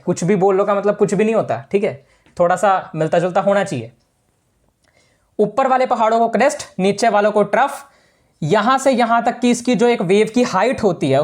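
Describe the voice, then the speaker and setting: A man's voice: high voice, darkish tone. A male teacher giving a casual physics lesson to students, talking informally and repeating the key points.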